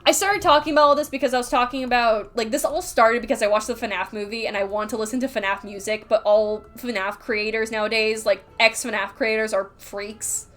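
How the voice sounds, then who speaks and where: A woman's voice: on the high side, fairly even intonation, fairly quick, hardly any pauses, fairly bright tone, soft background music. A woman livestreaming while drawing, rambling candidly in casual chat, full of filler words, reading chat aloud and reacting.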